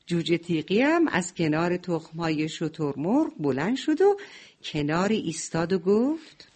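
A woman narrating a children's story in the role of a grandmother, expressive and tender. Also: lowish voice, husky.

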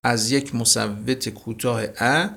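A male teacher with a strongly gravelly, fry-heavy voice at a mid pitch. He works through the lesson by asking questions aloud and then answering them, and he reads lines of verse slowly and deliberately. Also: fairly even intonation, sharp tone. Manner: asks questions then answers them himself, praising the unseen students; recites verses slowly and with weight. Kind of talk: explaining Persian poetry rhyme to students.

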